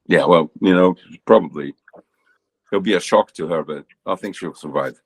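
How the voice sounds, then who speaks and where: A man co-hosting a casual podcast, teasing his friend and giving relaxed, rambling explanations. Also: low-pitched, moderate pace, breathy edge. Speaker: podcast co-host and teacher.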